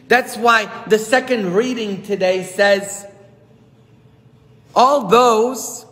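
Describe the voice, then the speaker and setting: A man in his thirties, a priest giving a sermon on a headset mic, preaching emphatically with big swings in pitch and loudness. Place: church sanctuary with long reverb. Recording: hall reverb from church.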